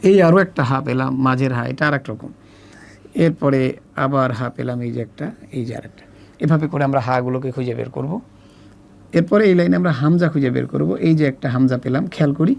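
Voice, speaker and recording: A Bangladeshi Bengali-accented man teaching Arabic letters to children, slowly and patiently, repeating each letter as he points. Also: a little high, gravelly, a little mellow. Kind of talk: step-by-step workbook lesson.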